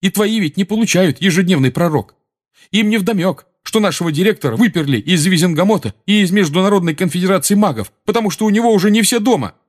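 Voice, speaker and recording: A man voicing a nervous, hot-tempered teenage boy who shouts in agitation. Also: high voice, huge pitch swings, a little slow, pitched above the performer's own voice, exaggerated voice. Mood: angry.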